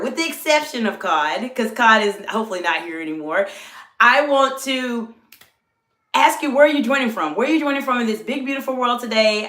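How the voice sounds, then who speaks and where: Talking live with her viewers and the chat, a middle-aged woman who works as an executive coach sounds lower-voiced than normal because she's unwell. An echoey room surrounds her as she offers warm hellos and speaks in a coaching manner.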